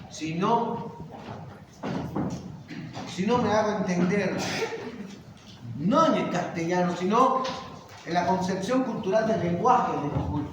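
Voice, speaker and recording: Cuban-born male teacher, high voice, emphatic lecturing full of rhetorical questions; distant, very echoey classroom recording with noise. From Cuba.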